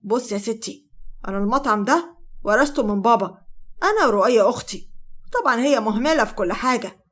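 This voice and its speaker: A woman's voice: fairly high pitch, animated, fast, fairly bright tone. A woman voicing an earnest, easily flustered young man with an Egyptian Arabic accent.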